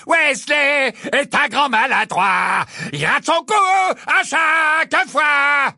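A man shouting as a chanting, jeering crowd. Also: very high-pitched, expressive, vocal fry, dry recording, clean studio sound, voice pushed up, heavily acted. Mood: mocking. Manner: slow, drawn-out mocking chant, shouted. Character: jeering crowd of young sports fans. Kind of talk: audiobook character voice.

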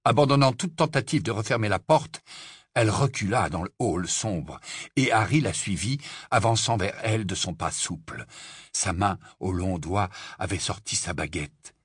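A man narrating an audiobook with expressive storytelling. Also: on the low side, normal speed, slightly rough, no echo, clean studio sound. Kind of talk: scripted narration.

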